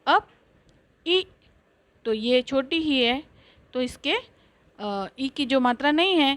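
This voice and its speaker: Slow, careful woman teacher. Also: high voice, no room sound. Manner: careful, drawn-out pronunciation, recites letters one by one. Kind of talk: slow Hindi alphabet lesson.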